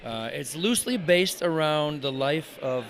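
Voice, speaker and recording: A man's voice: on the high side, animated, a little slow, a bit bright. A man, a screenwriter, chatting informally as an interview guest on a red carpet. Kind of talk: casual red carpet pitch of own film.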